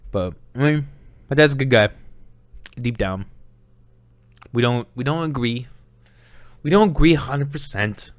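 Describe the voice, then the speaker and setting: A man's voice: mid-range voice, fairly bright tone, dry recording. A young man hosting a solo podcast, rambling casually with lots of swearing and laughter. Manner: rambling, profane, laughs often. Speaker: podcast host.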